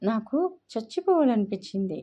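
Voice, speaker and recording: A woman's voice: a little high, sing-song, normal speed, mellow, pitched above the performer's own voice. A woman voicing a dramatic, self-pitying college girl who sobs and wails as she complains. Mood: tearful, melodramatic. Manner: sobbing, melodramatic wailing.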